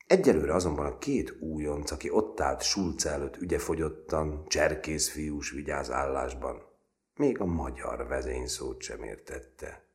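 A man reading a novel aloud as an expressive audiobook narrator. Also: rumbling low. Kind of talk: scripted narration.

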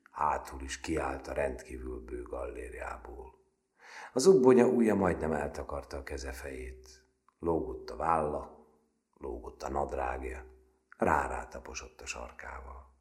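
A male narrator reading a novel aloud, with an extremely deep, low voice. His delivery is measured yet expressive, with a lively melodic line that rises and falls through the sentences.

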